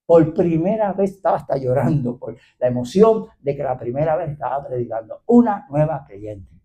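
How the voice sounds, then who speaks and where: A man preaches with fire, his pitch leaping and falling through every line. He fires questions at his listeners and breaks into shouts of praise, the sound of a church gathering. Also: normal speed, highs cut off, slight background noise. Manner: animated, exclaiming hallelujah, questioning the congregation. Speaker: pastor. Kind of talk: fiery sermon.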